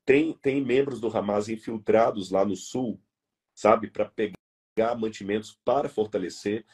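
Talking a little slowly, a man with a lowish, darkish, husky voice argues earnestly as a guest in an interview. He's Brazilian, speaks with a Brazilian Portuguese accent, and makes his conversational case emphatically, repeating key words.

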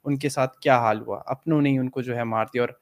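A man's voice: mid-range voice, fairly even intonation. A man in a casual discussion, reflective, switching between Urdu and English phrases. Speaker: guest in a discussion.

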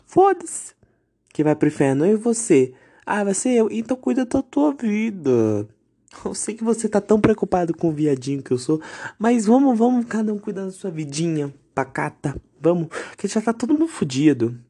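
A young man hosting a podcast, delivering an indignant, sarcastic, swear-filled rant with big pitch swings. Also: very animated, moderate pace, mellow, slightly rough. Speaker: podcast host. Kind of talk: ranting podcast monologue.

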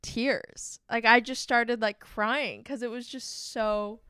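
A woman's voice: fairly high pitch, steady tone, slow pace, pushed and bright, smooth, dry recording, studio quality. A young woman hosting a casual podcast, telling rambling stories with lots of fillers and giggles. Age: young adult. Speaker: podcast host. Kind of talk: casual chat.

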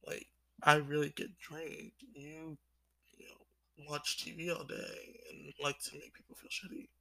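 A man's voice: a little high, completely flat delivery, a little slow, gravelly, pushed and bright, no room sound. A twenty-year-old man talking in a confessional vlog, rambling with lots of "like" fillers and sighs. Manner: rambling, full of "like" fillers, sighing. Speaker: vlogger.

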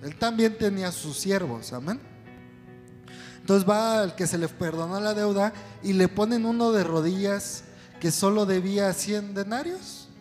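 A man preaches a sermon to his congregation, asking them to repeat his words back. His voice sits high for a man. The sound carries a long hall reverb, with faint music in the background. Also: expressive, a little slow, darkish tone. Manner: preaching to a congregation, calling for responses. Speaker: pastor.

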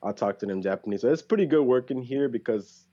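A man's voice: medium pitch, animated, quick pace. A young man speaking as a guest in a laid-back, slangy way, full of likes. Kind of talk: casual chat. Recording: dull lo-fi recording.

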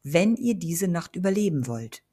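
A woman's voice: lowish voice, sing-song, normal speed, warm tone, breathy edge. A woman voicing a commanding, serious witch who gives firm instructions. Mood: urgent.

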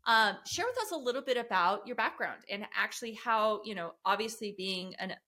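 A woman hosting a casual interview show, with a middle-pitched voice that has a crisp, bright edge. She encourages her guest and fills his pauses with short murmurs of agreement. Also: animated. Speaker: podcast host.

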